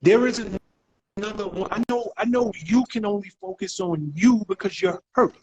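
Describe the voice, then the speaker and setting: Direct high-voiced male talk show host. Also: a little mellow, highs cut off. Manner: probing and direct, halting restarts. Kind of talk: live talk show questioning.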